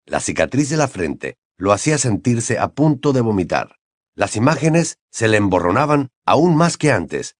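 A male audiobook narrator reading in an expressive, dramatic style. His mid-pitched voice moves with a lively melody and sounds dry and close to the mic. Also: normal speed, no room sound. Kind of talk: scripted narration.

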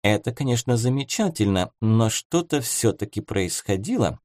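Audiobook figure: a man playing a wry, teasing young noblewoman, lightly raised pitch, dry sound. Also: lively intonation, moderate pace, a little mellow, no room sound, lightly acted. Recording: dry close studio sound.

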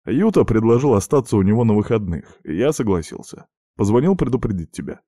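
A man voicing a stubborn young male student fighter who talks bluntly and flatly. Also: fairly low pitch, fairly quick, no room sound, clean studio sound, voice pushed up.

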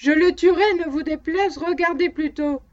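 A woman's voice: high-pitched, moderate pace, lightly acted. Woman reading as a blunt stubborn dog handler. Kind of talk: audiobook reading. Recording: dull lo-fi recording.

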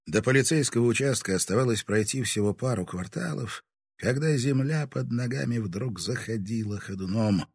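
A man narrating an audiobook in an expressive, lively reading style. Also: mid-range voice, normal speed, breathy edge, no room sound, studio quality. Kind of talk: scripted narration.

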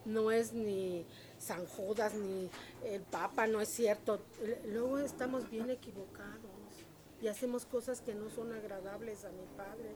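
A woman, telling stories in a lively, chatty and devout way during an interview. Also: medium pitch, measured pace. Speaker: interviewee, local shop owner. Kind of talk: casual storytelling interview. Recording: street crowd noise behind.

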